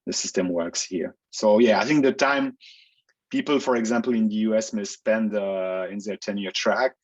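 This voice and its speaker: A researcher who grew up in Belgium answers interview questions as a guest over a video call, casual and hesitant, with many fillers and restarts. His voice is on the low side at a moderate pace, and the recording is muffled.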